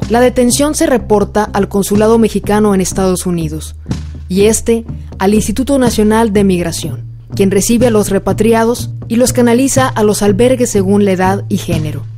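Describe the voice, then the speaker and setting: A woman reading a documentary's scripted narration in an even, formal manner, with facts and figures. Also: medium pitch, normal speed. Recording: voice-over with faint music behind.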